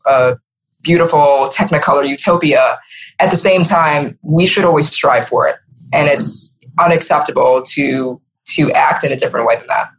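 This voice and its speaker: On poor-quality audio, a marketing executive appears as an interview guest on a conversational podcast. She's middle-aged, her voice sits low, and she talks with earnest emphasis.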